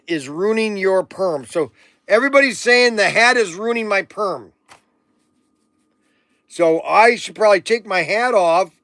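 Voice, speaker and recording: A man in his sixties chats loosely through a livestream, rambling and joking with his viewers. His voice sits high and bright for a man, and the sound is close and dry. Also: no echo. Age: 60s. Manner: rambling, chatty, joking with viewers and reading out chat comments. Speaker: livestream auction host. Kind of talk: casual livestream chat.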